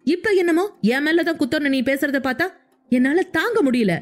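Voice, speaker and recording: A woman's voice: sits high, moderate pace, voice pushed up, lightly acted. A woman voicing an angry, hurt young husband who argues in heated, insistent questions. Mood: angry pleading.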